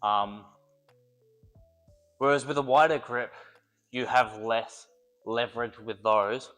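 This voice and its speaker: Soft background music plays as a young personal trainer talks slowly through his workout, joking and rambling between sets with a slightly stuffy, cold-affected voice. It's casual workout vlog talk, delivered in a medium-pitched, somewhat bright voice.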